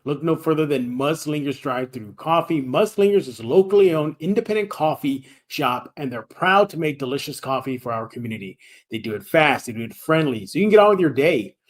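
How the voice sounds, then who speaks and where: A man's voice: on the high side, a little mellow. A man hosting a sports podcast, chatty and upbeat, laughing easily with his guest. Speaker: podcast host. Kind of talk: casual sports podcast chat.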